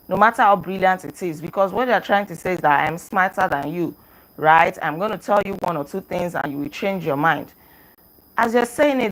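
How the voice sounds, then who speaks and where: Woman explaining a book chapter, kinda low voice, earnest, keeps asking "right?", clip-on mic. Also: low-quality recording. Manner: earnest, repeats points, often ends with a questioning "right?". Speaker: host reviewing a self-help book. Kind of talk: casual teaching talk. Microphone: clip-on microphone.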